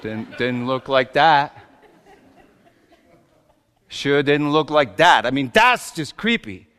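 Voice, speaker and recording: A man's voice: mid-range voice, expressive, takes it slowly, smooth, a faint crowd. A man as theatrical Joseph, swooping wildly. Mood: wry, confiding. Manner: theatrical, swinging between hushed asides and shouted exclamations. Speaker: storyteller preaching in character. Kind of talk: comic dramatic monologue to a congregation. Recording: reverberant hall.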